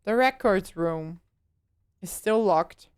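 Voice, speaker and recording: A woman's voice: mid-range voice, animated, slow pace, clean tone, dry recording, studio quality. A young woman streaming a horror game, chatting casually, swearing and yelping when startled. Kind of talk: casual live gameplay chatter.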